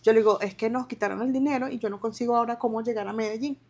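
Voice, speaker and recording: A woman from Venezuela, in her thirties, telling her migration story as an interview guest in halting speech with restarts and quoted dialogue. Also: fairly high pitch, fairly even intonation, darkish tone, dull audio. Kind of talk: emotional personal testimony.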